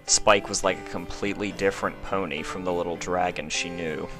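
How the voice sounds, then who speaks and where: Hosting a fan fiction reading on his channel, a man starts with a relaxed spoken intro before shifting into storybook-style narration. He speaks a little fast in a deep voice with fairly even intonation, over music.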